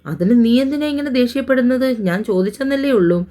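A woman's voice: sits high, lively intonation, quick pace, mellow, pitched above the performer's own voice. A woman voicing a curt young male doctor. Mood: irritable. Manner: curt, irritable.

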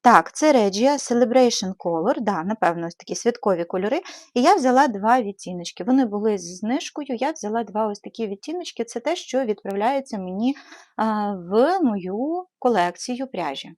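Woman, from Ukraine, casual knitting vlog, chatty, many fillers, high-ish pitch. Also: animated, normal speed, a little mellow, no echo, clean studio sound. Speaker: knitting channel host. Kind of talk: casual show-and-tell vlog.

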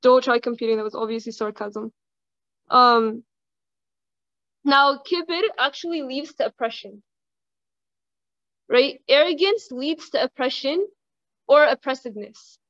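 A young woman giving a casual religious reminder, chatting with the audience, asking them questions and reciting Arabic quickly. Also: sits high, a bit bright, dry recording. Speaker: Islamic reminder speaker. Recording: dull lo-fi dry sound.

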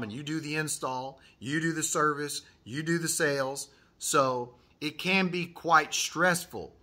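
A man in his thirties, host of an HVAC channel, reads a viewer email on his advice vlog, filmed close in a decorated workshop room. He sounds earnest and encouraging and keeps repeating his key points, in a fairly high pitch with a sharp tone.

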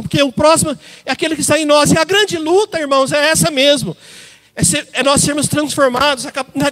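A Brazilian man preaches with a very high voice, telling stories to the congregation. Long reverb from the church hall trails each phrase. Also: pushed and bright. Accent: Brazilian Portuguese. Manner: storytelling, addresses listeners as brothers. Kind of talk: sermon.

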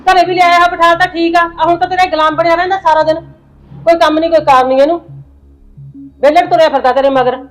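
A woman's voice: very high voice, steady tone, quick pace, poor audio. An actress playing a domineering middle-aged mother-in-law who scolds her daughter-in-law in a family drama. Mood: scolding. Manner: scolding, sharp, bossy. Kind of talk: short film drama.

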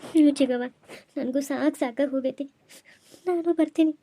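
A woman's voice: sits high, moderate pace, mellow. A woman voicing a meek, tearful young village bride who pleads, with a North Karnataka Kannada accent. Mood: pleading.

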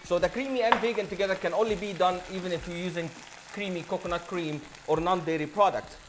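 Quick and steady in tone, this man's voice sits high against a noisy background. He's a chef in his thirties demonstrating a dish on his cooking show, working the audience like a showman with enthusiastic flair. A lapel mic picks him up in a modern indoor studio kitchen.

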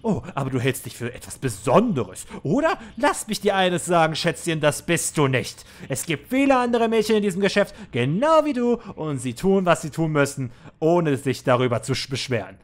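A man's voice: fairly high pitch, sing-song, normal speed, few pauses. A man voicing a cruel, manipulative older male manager who scolds condescendingly, reading game dialogue in a let's play. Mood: scolding.

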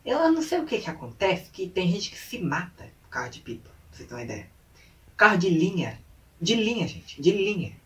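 A man tells a story to his vlog audience, animated and acting out engine noises and voices. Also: high voice, fairly quick, far from the mic. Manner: animated, acts out sounds and voices. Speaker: vlogger. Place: indoors at home late at night.

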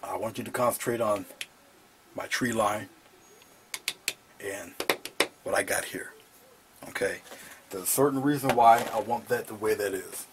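A middle-aged man instructs painting in a small home studio at a measured pace, leaving long pauses. He's relaxed, chatting as he paints and often dropping to a murmur over the brushwork, and the background is noisy.

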